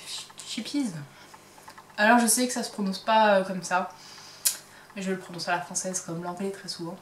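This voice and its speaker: A woman's voice: medium pitch, a little hiss or hum. Chatty woman in a roomy, distant recording. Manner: chatty, hesitant, many fillers. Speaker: crochet and knitting podcast host. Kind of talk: casual chat showing items to camera. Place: home craft workshop. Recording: roomy, distant mic, faint ambience.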